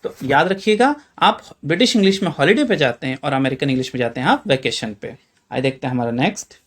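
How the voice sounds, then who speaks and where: A man's voice: mid-range voice, lively intonation, fast talker, a bit bright. A man with an Indian Hindi accent gives a chatty vocabulary lesson, quizzing listeners with rhetorical questions and calling them friends. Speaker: English teacher. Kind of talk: classroom-style explainer lesson.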